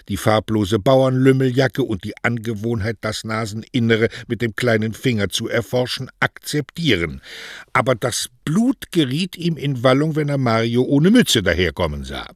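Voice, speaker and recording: A man reading a novel aloud in lively, expressive storytelling narration. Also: mid-range voice, no room sound, studio quality. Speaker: reader. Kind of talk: audiobook narration.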